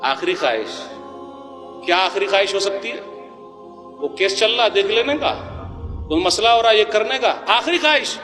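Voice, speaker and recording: A man giving an impassioned sermon to a congregation, questioning the audience and swinging between loud and soft. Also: high voice, animated, long pauses, long reverb tail, music in the background. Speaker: preacher. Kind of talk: Urdu sermon to a live congregation.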